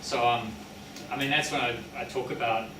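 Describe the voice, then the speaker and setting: At a moderate pace and with fairly even intonation, a medium-pitched man with a New Zealand accent chats through an informal public talk about his research and book, answering questions from the audience indoors. He sounds like a colloquial, matey tradesman, drifting and correcting himself. The mic is distant, the room echoes, and noise is evident.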